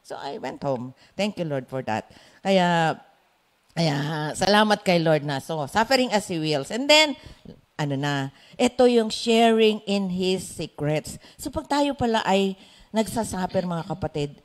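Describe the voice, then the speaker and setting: A woman with a Filipino accent leading a Bible study, chatty and quick to laugh. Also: fairly low pitch, lively intonation. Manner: chatty, laughs often, mixes in English. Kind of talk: Bible study sharing in Taglish.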